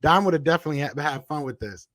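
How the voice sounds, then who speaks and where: A man with a Philadelphia accent hosting a live sports podcast, reading out chat comments and trash-talking in a casual, animated way. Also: a little high, racing, no room sound. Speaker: podcast host.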